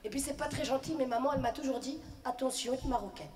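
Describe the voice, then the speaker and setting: A woman performing stand-up comedy, telling stories in a lively way. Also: high-pitched, very fast, roomy sound. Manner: lively, storytelling.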